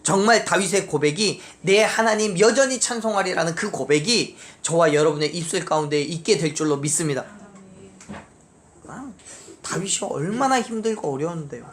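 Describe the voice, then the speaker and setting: A pastor preaching a sermon in a church, leading the congregation through scripture readings and answering with amen, voice jumping high on key phrases. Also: lively intonation, normal speed, a little hiss or hum. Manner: emphatic, pitch leaps up on key phrases then drops low. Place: church sanctuary.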